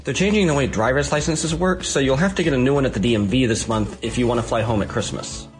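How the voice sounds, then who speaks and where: A man's voice: mid-range voice, fast talker, soft background music, close to an everyday voice. A man playing a clueless, matter-of-fact husband in a comedic parody ad.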